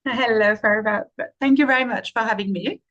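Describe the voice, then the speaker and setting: A woman in her forties from France, speaking as an interview guest, explaining her work steadily with frequent pauses. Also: on the high side, fairly bright tone, highs cut off. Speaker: guest, fundraising and marketing consultant. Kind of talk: interview answer, casual.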